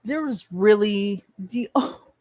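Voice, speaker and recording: Casual vlogger, unhurried and opinionated, blunt with some cursing, talks while chewing; dry, close recording. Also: medium pitch, expressive, a little mellow, dry recording. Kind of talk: casual rambling chat.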